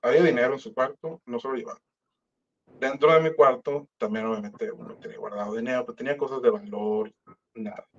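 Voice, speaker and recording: A man's voice: mid-range voice, fast, muffled recording, a little hiss or hum. A man with a Mexican Spanish accent telling a personal story in casual, slangy talk, acting out the voices of other people. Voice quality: slangy, animated, acts out quoted voices. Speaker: musician telling his story.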